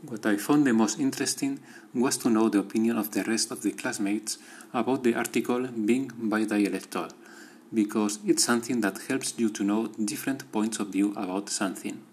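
A man, a student, reading out a prepared class diary in a steady, methodical way. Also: fairly low pitch, normal speed, slightly rough.

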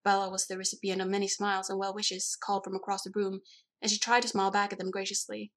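A woman narrating a novel in a steady, even storytelling manner. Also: mid-range voice, fast. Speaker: audiobook reader. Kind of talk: scripted narration.

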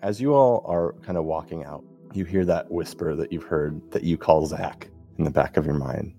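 Low-voiced male game master. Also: moderate pace, creaky, warm tone. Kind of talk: narrating a tabletop game. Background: music.

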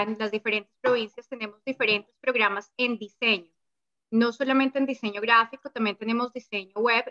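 A woman's voice: on the high side, pushed and bright, lo-fi sound. A woman guest explaining study programs, listing options steadily with small fillers. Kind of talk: casual chat.

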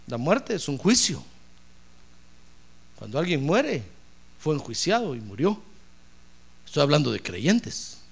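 Gravelly, lively-voiced male preacher. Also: on the high side, takes it slowly, long pauses. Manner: impassioned preaching, repeatedly addressing listeners as brother. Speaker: pastor. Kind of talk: sermon.

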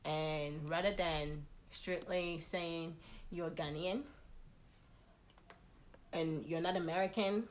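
A woman's voice: deep voice, fairly even intonation, slow pace, long pauses. A woman in a casual conversation, speaking emphatically and giving advice drawn from her own experience.

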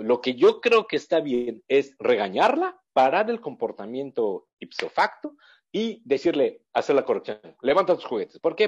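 A man with a medium-pitched, breathy-edged voice appears as a guest expert in an interview, explaining at length with hesitant restarts and filler words. He acts out brief quotes from children and parents, and the audio is slightly dull and lo-fi.

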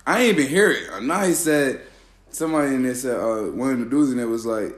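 Relaxed storytelling man, echoey room. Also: mid-range voice, brisk. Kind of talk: casual chat, telling a story.

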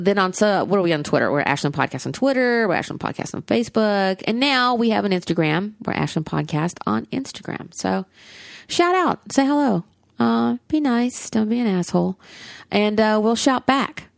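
Gravelly Southern woman podcaster. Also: medium pitch, big pitch swings, normal speed, no echo. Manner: rambling, swears casually, many fillers. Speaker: podcast co-host. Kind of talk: casual podcast chat.

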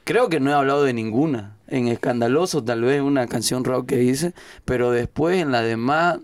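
A man, a musician guest on a podcast, talking in a relaxed, slangy, rambling way with many restarts. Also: medium pitch, normal speed, dry recording. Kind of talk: casual podcast conversation.

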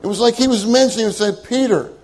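Male preacher with a high voice: an earnest, emphatic sermon that repeats its key lines. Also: fairly even intonation, rapid-fire, a little mellow, rough recording. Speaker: minister.

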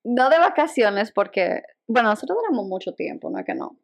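A woman's voice: medium pitch, wildly swooping pitch, a little fast, gravelly. A young woman, co-hosting a podcast in casual chat, laughing often and restarting her sentences. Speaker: podcast co-host.

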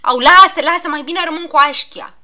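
A woman voicing a brash little male gnome who yelps and complains loudly in a storybook reading. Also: big pitch swings, full character voice. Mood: whining. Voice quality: shrill, yelping. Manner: loud and complaining.

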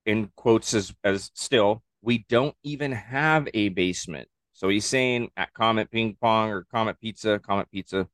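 A man with a low voice talks casually as a podcast co-host. He is easygoing and slangy, with plenty of swearing, and is recorded close and dry. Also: a little slow, few pauses, a bit bright, dry recording. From Southern California. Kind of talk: casual chat.

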